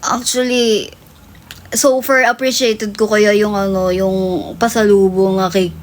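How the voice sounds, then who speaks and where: Speaking slowly and flatly at a medium pitch, a young female livestream host tells a long, meandering story. Her casual chat mixes Tagalog and English and is packed with fillers.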